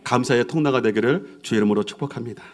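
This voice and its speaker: A male pastor preaching a sermon in an animated way, acting out the voices of the people in his stories. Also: medium pitch, quick pace. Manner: animated, acts out quoted voices.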